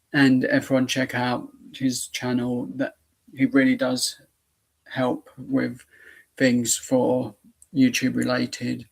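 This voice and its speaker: Man, hoarse, husky, casual streamer chat, halting. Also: medium pitch, poor audio. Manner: halting, restarts often, talks to viewers. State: voice going hoarse. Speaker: YouTube live streamer.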